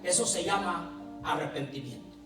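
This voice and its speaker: A man preaching a sermon, pausing for effect and acting out quotes in his own voice. He stands well back from the microphone in a roomy, echoing church hall, and music plays underneath. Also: fairly high pitch, far from the mic. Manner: preaching with dramatic pauses and acted quotes. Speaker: pastor. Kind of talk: Spanish-language sermon. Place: church sanctuary.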